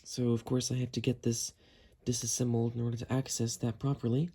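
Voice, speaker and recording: Speaking fairly quickly in a flat, dark, medium-pitched voice, the host of a how-to cleaning video offers casual, explanatory narration, describing each step as his hands work.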